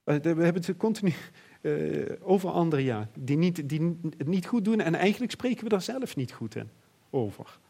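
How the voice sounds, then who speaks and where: Male preacher, middle-aged, slightly high, husky voice, earnest and reflective delivery. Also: animated, a little fast, mellow. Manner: earnest, reflective, with many fillers and restarts. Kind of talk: sermon.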